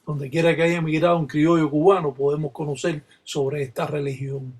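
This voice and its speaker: A man, a Palo Mayombe practitioner, explaining a ritual in Spanish and reciting its chants in a steady rhythmic way. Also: on the high side, fairly quick. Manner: rhythmic call-and-response recitation.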